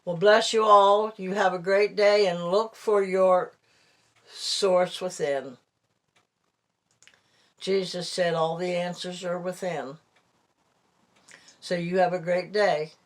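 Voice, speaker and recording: Slow-talking elderly woman with toothless, lips-over-teeth speech. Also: on the low side, steady tone. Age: about 80. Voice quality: toothless, lips-over-teeth articulation, slightly slurred consonants. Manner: slow, halting, rambling delivery. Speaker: vlogger. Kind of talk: casual personal vlog talk.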